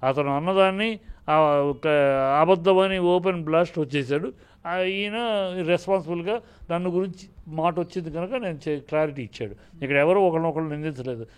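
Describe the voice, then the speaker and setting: Indignant producer man, clear voice. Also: on the high side, moderate pace. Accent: Telugu. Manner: combative, indignant, many broken-off restarts. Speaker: film producer, interviewee. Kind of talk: heated political interview.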